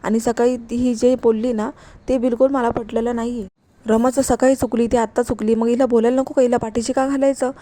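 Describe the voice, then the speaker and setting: A woman's voice: fairly high pitch, level tone, fairly quick, warm tone, dry recording, studio quality, close to an everyday voice. A woman reading the lines of an angry, stressed young husband who fires off short, reproachful questions.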